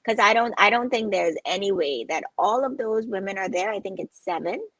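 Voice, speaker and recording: A woman's voice: medium pitch, lively intonation, a little fast, fairly bright tone, no echo. A woman hosting a casual interview, encouraging her guest with frequent affirmations. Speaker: host.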